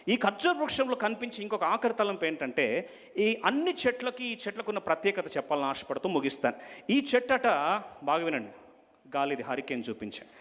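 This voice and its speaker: A man preaching a sermon and questioning the congregation, switching between loud emphasis and soft asides. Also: high voice. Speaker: pastor. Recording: long hall reverb.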